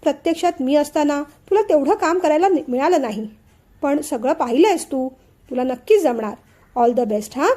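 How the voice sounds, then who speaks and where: A woman voicing a calm young sister-in-law who talks a frightened girl through cooking in a teacherly, soothing way. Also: high-pitched, normal speed. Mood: reassuring.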